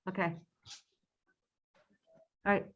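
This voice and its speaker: A woman chairing a board meeting over a video call, talking in a halting way with many ums and self-corrections. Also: low-quality recording. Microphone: computer mic on a video call.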